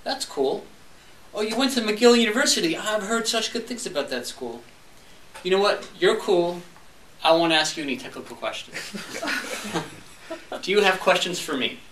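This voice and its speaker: With a high-pitched, expressive voice, a young Montreal man who speaks French tells a humorous story to a club audience, voicing the people in it. He talks at a normal speed, bright and forceful, and leaves long pauses. The distant mic catches an echoey, roomy space and faint background noise.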